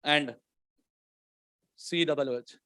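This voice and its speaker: A man teaching a chemistry class, quizzing the students and dictating questions slowly. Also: a little high, sharp tone, smooth, no echo, clean studio sound. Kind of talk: classroom lecture.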